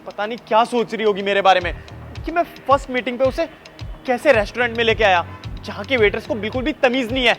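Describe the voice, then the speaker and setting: A man's voice: very high voice, fast, fairly bright tone, soft background music. A young man playing an arrogant diner who talks down to a waiter with contempt. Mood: scornful. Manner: scornful, bullying, contemptuous. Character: arrogant young man on a first date, rude to staff. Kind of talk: web short drama acting.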